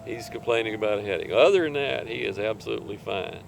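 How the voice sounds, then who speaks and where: An older man, a cave diver, telling a rescue story in an interview with a relaxed, rambling manner and chuckles between points. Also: on the low side, fast talker, gravelly, soft background music.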